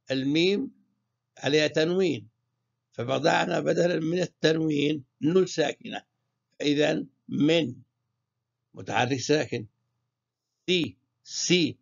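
Male Palestinian teacher, gravelly, slow scansion, muffled lo-fi recording. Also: fairly high pitch. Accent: Palestinian Arabic. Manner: slow, drawn-out syllable-by-syllable scansion. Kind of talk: prosody lesson, chanting meters.

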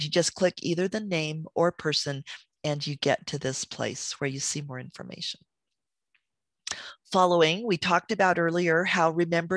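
A woman's voice: fairly low pitch, dry recording. A woman teaching a beginner family history class, enthusiastic and friendly, her voice worn from talking. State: losing her voice.

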